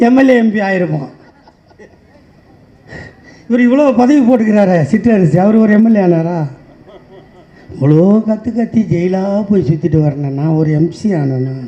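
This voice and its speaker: Male political speaker, high but mellow voice, delivers a stage speech in mocking rhythmic refrains, on a dull lo-fi recording. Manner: rhythmic sarcastic refrains, rising to shouts.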